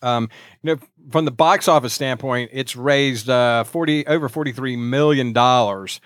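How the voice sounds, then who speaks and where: A man with a mid-range voice talking through his points in a loose, meandering way, full of "you know" and restarts. The sound is close and dry. He speaks in a relaxed podcast conversation. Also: mid-range voice, moderate pace, no echo. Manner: rambling, many fillers and restarts. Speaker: podcast co-host. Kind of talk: casual chat.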